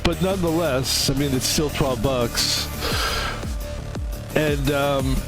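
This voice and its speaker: A man's voice: on the high side, slow pace, music in the background, rough recording. Rambling man in his fifties streaming. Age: 50s. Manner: rambling, self-interrupting, chatty. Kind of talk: casual gaming stream chat.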